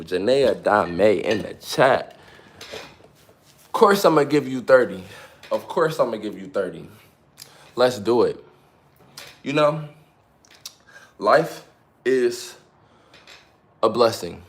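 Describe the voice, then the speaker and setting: A man in his twenties live-streaming from home, chatting casually with his viewers between sets of push-ups in an upbeat, hyped, slangy, motivational way. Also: fairly low pitch. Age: 20s. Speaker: livestreamer. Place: at home during a workout.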